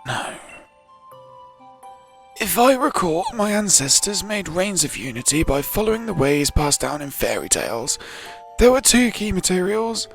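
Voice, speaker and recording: A man's voice: high-pitched, creaky, full character voice. A man voicing a polite, old-fashioned village mayor with formal, apologetic phrasing, over faint game music. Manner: formal, courteous, put-on British phrasing. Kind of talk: reading game dialogue aloud.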